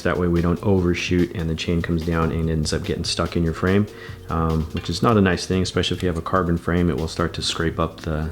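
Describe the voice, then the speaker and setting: A man giving a patient, methodical bike repair tutorial, talking through each step as he works. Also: deep voice. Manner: patient, methodical, repeats steps.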